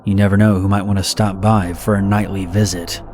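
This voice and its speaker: A man narrating a scripted horror story in a steady, measured reading. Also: low-pitched, soft background music.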